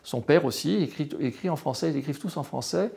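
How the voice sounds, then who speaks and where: In an interview, a retired French history professor in his late sixties gives a personal account, speaking hesitantly with many fillers and restarts. His voice is fairly high and mellow, with lively intonation, vocal fry, and a breathy edge, and he talks fast.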